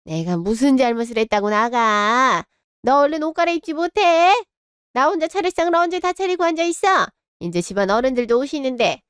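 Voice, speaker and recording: A woman's voice: sits high, expressive, fairly quick, clean tone, no echo, clean studio sound. A woman voicing a harsh, cruel older mother-in-law in a radio drama, scolding and contemptuous. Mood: indignant.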